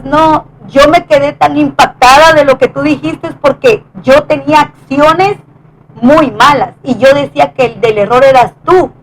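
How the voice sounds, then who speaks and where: A woman with a high voice recounts a personal testimony in an earnest, conversational way. She often stumbles and restarts her phrases as she speaks. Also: poor audio. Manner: earnest, halting with many restarts. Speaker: wife sharing testimony.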